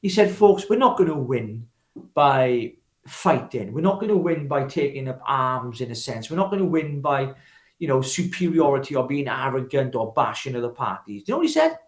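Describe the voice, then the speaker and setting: A Welshman, a political activist and former parliamentary candidate, speaks spontaneously as a guest in a political interview, his medium-pitched voice swinging widely at a normal speed. He is emphatic and oratorical, relying on repetition and rhetorical questions, and the sound is roomy.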